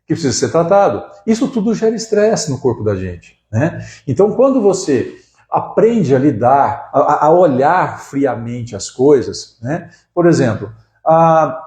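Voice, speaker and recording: A Brazilian acupuncturist in his forties hosts a live stream, talking casually and conversationally, often restarting words and ending sentences with "né?" His voice is mid-range and a little mellow, heard in an echoey room.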